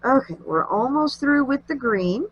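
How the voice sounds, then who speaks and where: High-pitched and lively, yet nasal from allergy congestion, a woman narrates her craft tutorial at a measured pace, chatting in a homey way as she works. Her voice is slightly rough and the recording cuts off the highs.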